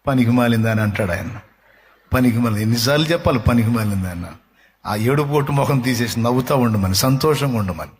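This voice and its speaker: A man's voice: mid-range voice, fast talker, a little hiss or hum. A male pastor preaching a sermon, emphatic and blunt, firing rhetorical questions at his listeners and teasing them.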